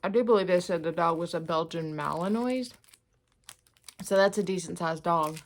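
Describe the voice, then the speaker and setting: In an eating video, a middle-aged woman talks at normal speed in a lowish voice, casually sharing her take on a news story. She chews audibly and frequently speaks with food in her mouth.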